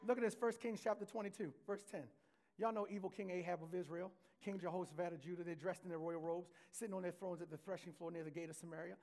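Male pastor, high voice, preaching with call-and-response, live church mic. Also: level tone, darkish tone. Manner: reads scripture aloud, slowing down to stress key phrases. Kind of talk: sermon. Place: church sanctuary.

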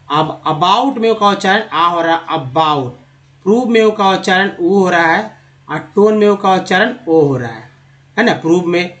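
A man's voice: high-pitched, a bit bright, low-quality recording. A man giving a Hindi-language English pronunciation lesson, spelling out letters, drawing out sample words and quizzing his viewers. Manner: drills words slowly, spelling out letters and asking quiz questions.

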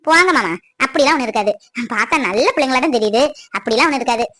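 A woman's voice: a little high, lively intonation, racing, sharp tone. A woman playing a friendly, trusting neighbour wife who chats cheerfully with her husband. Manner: cheerful, chatty. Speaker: actor.

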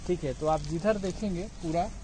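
A man's voice: on the high side, normal speed, warm tone, poor audio. A patient man guiding a farm tour outdoors. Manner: patient, points things out and keeps saying "look". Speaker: farm guide. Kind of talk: explaining a farm on a walking tour. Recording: clear outdoor noise behind.

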